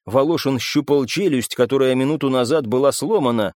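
A man's voice: medium pitch, brisk, a little mellow, no echo. A man narrating an audiobook in a tense, dramatic reading. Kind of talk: scripted narration.

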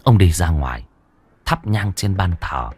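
A man's voice: low-pitched, animated, unhurried, darkish tone, breathy edge. A man narrating a ghost story with a dramatic, swooping delivery.

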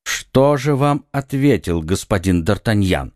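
A man's voice: fairly low pitch, expressive, a little slow, a little mellow, dry recording, clean studio sound. A man voicing a stern, blustering police commissioner questioning a prisoner in an audiobook. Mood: interrogating. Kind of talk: audiobook reading.

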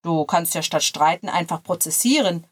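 A woman's voice: moderate pace, close to an everyday voice. Woman doing a teasing young male lawyer. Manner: lower, softer, relaxed murmur.

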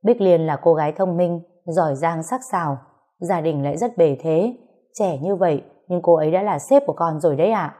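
A woman's voice: fairly low pitch, normal speed, dark tone, lightly acted. A woman voicing a young man in a read-aloud story, politely pleading with his parents.

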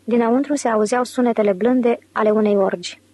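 A woman narrating an audiobook in a measured, clear reading voice. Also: a little high, fairly even intonation, mellow, no echo. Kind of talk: scripted narration.

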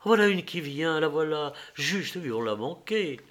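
Brief: male reader doing a hunting dog, reproachful, muttering thoughts, slightly high. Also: animated, unhurried, a bit bright.

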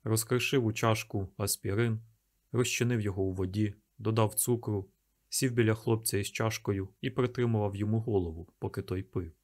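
A man reading a novel aloud in calm, measured audiobook narration. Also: fairly low pitch.

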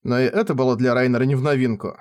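A man narrating an audiobook with expressive, dramatic storytelling. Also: mid-range voice, racing. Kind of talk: audiobook narration of a light novel.

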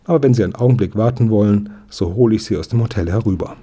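A man playing a smooth-talking adult thief in a storybook reading, polite and dismissive. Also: fairly low pitch, very fast, warm tone. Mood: glib.

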